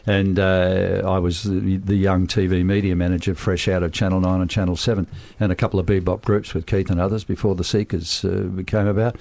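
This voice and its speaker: A man's voice: deep voice, a little fast, gravelly, few pauses. An Australian man in his seventies, a former band member telling stories with jokey asides in a radio interview. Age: 70s. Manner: lively storyteller, jokey asides. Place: radio studio.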